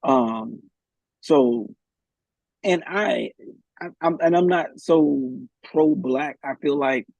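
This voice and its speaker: Man, podcast guest, husky, gravelly, hesitant restarts, muffled lo-fi audio. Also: on the high side, slow, darkish tone, no room sound. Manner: hesitant, thinking aloud with restarts. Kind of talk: live podcast discussion.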